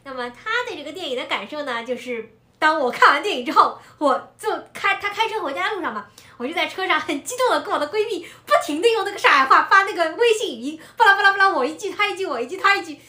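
A woman chatting casually about a film, telling stories in an animated way and laughing often. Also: extremely high pitch, quick pace, roomy sound. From Shanghai. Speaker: video creator discussing a film. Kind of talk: casual chat.

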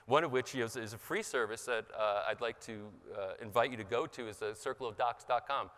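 A man giving an impassioned motivational seminar talk, raising his pitch for emphasis, recorded in a large conference hall. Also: fairly quick, a bit bright. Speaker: seminar speaker. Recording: large hall with long reverb.

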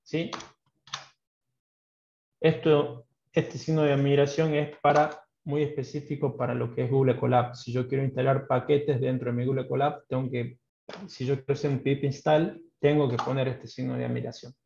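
A man with an Argentine accent from Salta teaches programming online, his gravelly voice warm and mellow. He explains step by step and keeps checking that his students follow. The sound is dull and roomy, like a class streamed from a home office. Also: mid-range voice, level tone, moderate pace. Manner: explains patiently, often checks in with a questioning "¿sí?".

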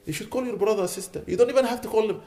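A sheikh lectures in a lecture hall, delivering a sermon that urges listeners with repeated rhetorical questions. His voice is high and mellow, and he speaks at a racing pace.

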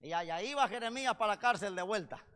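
A man preaching a sermon with passion, swinging between loud cries and low, intense passages. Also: lively intonation, fast. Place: church. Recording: long reverb of a church hall.

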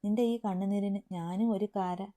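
A woman reading the lines of a tender, devoted young man in a storybook romance, in a soft pleading way. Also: mid-range voice, fairly even intonation, moderate pace, close to an everyday voice.

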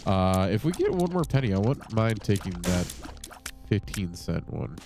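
A fairly low-voiced man with a stuffy, congested sound, chatting loosely as he plays. He rambles, swears freely and leans on lots of ums and uhs. Game music plays clearly underneath him. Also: big pitch swings, normal speed. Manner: rambling, swears often, frequent fillers. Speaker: gaming channel host. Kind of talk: casual gameplay commentary. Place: home setup with monitor.

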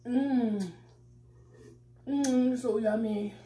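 A woman's voice: on the high side, steady tone, extremely slow, warm tone, slight background noise. A 21-year-old woman from Ohio, a vlogger casually chatting to her viewers in a slangy, talkative way, at work and in her car. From Ohio, USA. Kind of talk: casual vlog chat to viewers.

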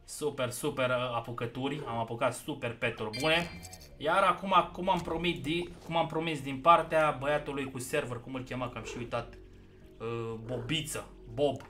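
Bright, excitable young gaming streamer man. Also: medium pitch, faint music behind. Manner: excitable, swings between loud outbursts and muttering. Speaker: gaming YouTuber. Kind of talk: casual gameplay commentary.

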